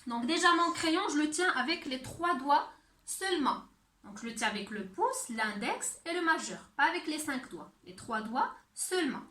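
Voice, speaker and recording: A woman teacher giving a handwriting and sounds lesson to young children, speaking slowly and clearly. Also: high voice, very animated, bright, forceful tone, roomy sound. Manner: slow, clear teacher talk addressed to children. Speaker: primary school teacher.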